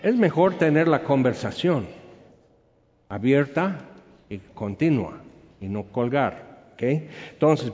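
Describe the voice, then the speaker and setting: Man leading a Bible study, fairly high voice, talky, long reverb in a hall, muffled sound. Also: mellow. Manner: conversational, checks in with listeners. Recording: echoey hall, dull sound.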